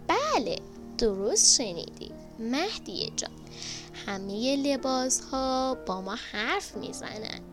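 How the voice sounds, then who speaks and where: A woman playing a gentle, patient mother. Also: sits high. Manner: calm, praising, explaining. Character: gentle patient mother teaching her daughter. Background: background music.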